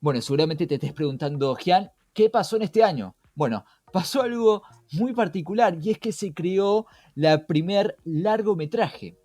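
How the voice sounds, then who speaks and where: A man with a Rioplatense Argentine accent co-hosts a conversational explainer podcast, regularly posing rhetorical questions to his co-host and listeners and then answering them himself. His voice is high-pitched, expressive, and somewhat dark, moving at a moderate pace with barely any pauses. The recording is dry.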